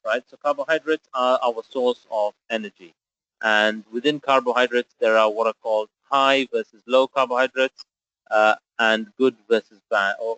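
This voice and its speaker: A man's voice: on the low side, fairly bright tone, no echo, rough recording. A man who grew up in Zambia, presenting a nutrition webinar in a step-by-step explanatory way with frequent filler sounds. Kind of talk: webinar lecture.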